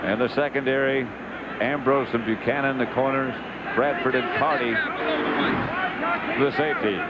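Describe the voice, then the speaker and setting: Male play-by-play announcer over loud stadium noise. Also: mid-range voice, steady tone, normal speed, dull audio. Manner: clipped, terse phrases. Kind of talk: live play-by-play commentary. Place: live at an indoor stadium event. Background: loud stadium din.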